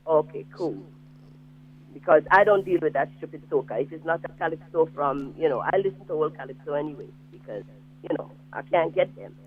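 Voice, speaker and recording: Insistent male radio caller heard through a tinny phone line, slightly raised pitch. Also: fairly quick. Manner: emphatic and insistent. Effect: speaking over a phone line. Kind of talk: call-in opinion.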